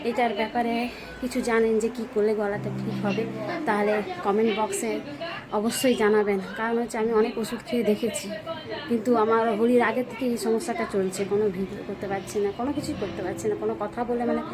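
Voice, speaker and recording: A woman vlogging her evening routine at home in a soft, subdued voice, her throat troubled and the sound muffled. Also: on the high side, flat delivery, fast, a loud crowd. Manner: soft, subdued talk, speaking with lips half closed. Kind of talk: casual daily-routine narration. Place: home and open rooftop.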